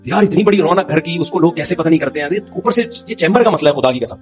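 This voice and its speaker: A man's voice: fairly high pitch, lively intonation, quick pace, soft background music. A middle-aged man, an Islamic cleric, giving an informal religious talk, telling stories with humor and chuckling as he goes.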